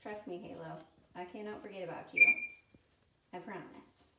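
A young woman with a lowish voice and some vocal fry speaks at a normal speed as she chats upbeat to her pets in an indoor home vlog. As a vlogger and pet sitter, she holds the camera at arm's length, and heavy background noise runs underneath.

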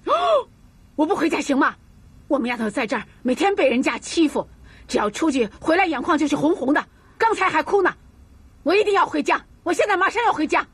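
A woman's voice: sits high, expressive, fairly quick, no echo. An actress playing a doting elderly grandmother who fusses, sighs and repeats herself in a TV drama. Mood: stubborn, insistent. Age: older.

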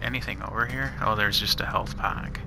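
A man's voice: fairly low pitch, steady tone, fairly quick, creaky, background noise. A man giving easygoing, casual commentary while playing a shooter, reacting to each find as he goes. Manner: easygoing, muttering reactions to finds. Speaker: gamer playing a custom map. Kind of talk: casual let's-play commentary.

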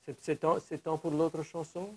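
A man hosting a local talk show, his voice slightly high. He speaks haltingly, restarting and repeating words as he goes. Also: little pitch movement, husky. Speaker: host. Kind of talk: casual chat.

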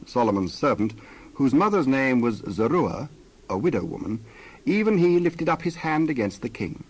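A man with a husky, medium-pitched voice gives a scripted, dramatized scripture reading, measured and solemn with careful phrasing. The recording quality is low.

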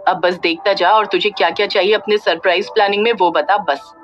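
A woman's voice: mid-range voice, steady tone, a little fast, natural voice. A woman narrator voicing Vicky, a young man who jokes and boasts to his friend. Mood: joking. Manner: joshing, boastful banter. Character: young man Vicky, joking, cocky buddy. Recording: dull lo-fi audio with faint music.

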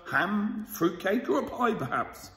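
Wicked storybook butcher, booming and gloating, a man putting him on; roomy sound with a long tail. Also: sing-song, measured pace, bright, forceful tone, exaggerated voice. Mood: falsely friendly. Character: scheming greedy male village butcher.

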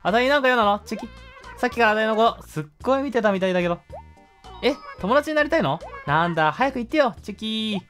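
A man's voice: sits high, animated, fast, fairly bright tone, faint music behind, voice pushed up. A man voicing a peppy, bubbly young female animal villager.

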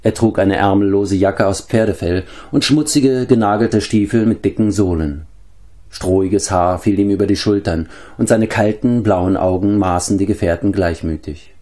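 A man calmly narrating a storybook in a measured way. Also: fairly low pitch. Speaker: audiobook reader.

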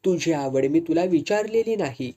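A woman's voice: sits low, expressive, normal speed, mellow. A woman voicing a proud, firm older sister in a read-aloud story. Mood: stern. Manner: firm, stern.

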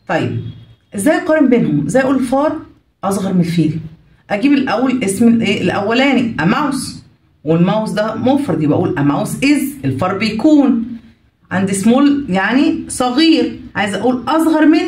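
An Egyptian woman teaches a grammar lesson, patiently asking questions and then answering them herself. Her voice sits on the higher side. The recording is roomy and echoey, with the mic set some distance from her. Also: darkish tone. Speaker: English teacher.

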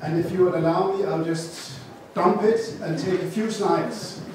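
A high-voiced Danish man from a gene bank gives a seminar talk to a seated audience in a large, echoey hall, speaking unhurriedly and fairly evenly into a handheld mic. A distant camera captures it, so the recording is very noisy, and his informal delivery includes frequent self-corrections.

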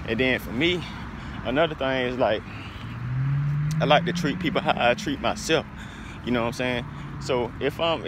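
A young American man talking bluntly and emphatically in a casual, slangy, profane vlog, recorded on a phone while walking outdoors. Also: mid-range voice. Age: young adult. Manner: blunt, emphatic, repeating catchphrases. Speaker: vlogger. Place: outdoors, walking along a street. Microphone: phone held at arm's length. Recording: noisy outdoor recording with traffic.

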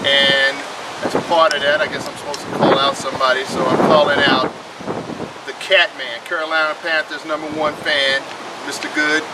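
A man making a challenge video address to camera, announcing in measured short phrases. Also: fairly high pitch, little pitch movement. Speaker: costumed sports fan character taking a challenge. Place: outdoor backyard wooden deck. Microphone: camera a few metres away. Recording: distant camera mic, noisy outdoor sound.

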